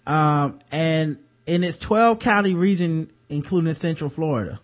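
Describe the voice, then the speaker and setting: This casual podcast is hosted by a man whose light voice runs on the high side, animated but measured in pace. He reads news items aloud, pausing between passages to drop in wry, sarcastic asides.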